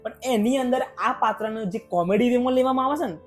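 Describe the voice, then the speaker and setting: A young man, a vlogger and podcast guest, talking in emotional, animated bursts in a casual conversation. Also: extremely high pitch, fast talker, faint music behind.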